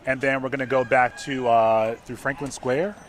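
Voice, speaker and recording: A man's voice: mid-range voice, steady tone, normal speed. An American man co-anchoring live parade coverage, commentating in an informal, explanatory and conversational way. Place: outdoors beside a city traffic circle. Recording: faint outdoor city and traffic noise.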